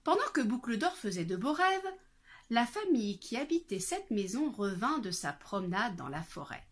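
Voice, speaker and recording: A woman reading a fairy tale aloud as a storyteller, in an expressive read-aloud manner. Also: on the high side, normal speed. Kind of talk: storybook narration.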